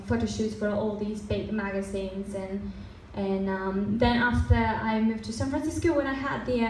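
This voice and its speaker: In an event room, a young woman presents on design in a casual, chatty way, often restarting and using fillers. She's a native Spanish speaker from Mexico with a mid-range voice and a Mexican accent tinged by time in Australia, and the audio is roomy and distant with faint noise.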